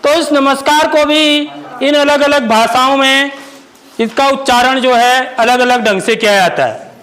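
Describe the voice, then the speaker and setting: A male school teacher in a classroom, teaching children and quizzing the class, repeating each word slowly. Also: extremely high pitch, fairly bright tone, low-quality recording. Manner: asks the class questions and repeats words slowly.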